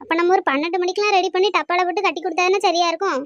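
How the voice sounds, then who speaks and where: A woman's voice: extremely high pitch, racing, no echo, lo-fi sound. A woman voicing a chatty young village woman in a cartoon. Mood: eager. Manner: eager, chatty, listing details. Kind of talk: cartoon voice acting.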